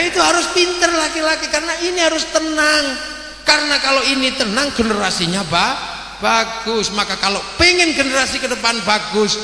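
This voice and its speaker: A man's voice: very high-pitched, sharp tone. A man giving a humorous sermon, telling jokes and stories and mixing in phrases. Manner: joking storytelling, mixes in Javanese phrases. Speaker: preacher. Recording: echoey hall, faint ambience.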